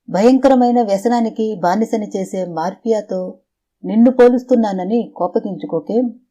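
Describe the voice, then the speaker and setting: A woman's voice: medium pitch, dark tone, lightly acted. A woman reading a lonely, talkative middle-aged father in an audiobook, her voice rising and falling as he rambles in fits and starts.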